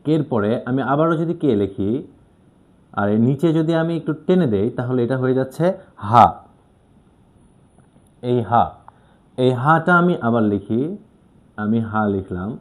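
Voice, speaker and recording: A man's voice: mid-range voice, animated, measured pace, long pauses. A man teaching Japanese letters, patiently explaining step by step as he writes them out. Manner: patient, demonstrating while writing.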